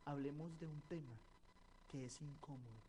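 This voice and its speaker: Animated Colombian-born man preaching. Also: on the high side, normal speed. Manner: storytelling, acts out dialogue, swings from quiet to loud. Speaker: pastor. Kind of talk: sermon. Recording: live church stream with faint noise.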